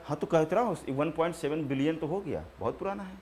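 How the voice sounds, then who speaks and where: A man teaching a geography class, repeating terms slowly for notes and answering his own questions. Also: on the high side, a little mellow, a little hiss or hum. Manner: repeats key terms slowly for students to write.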